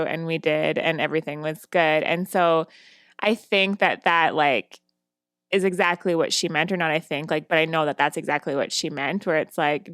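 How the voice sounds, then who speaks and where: A woman talks casually on a podcast, her voice sitting a little low. She chats freely, filling her sentences with "like" and laughing often. The sound is dry and close, with no room around it. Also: smooth, no room sound. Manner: chatty, many "like"s and frequent laughs. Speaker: podcast co-host.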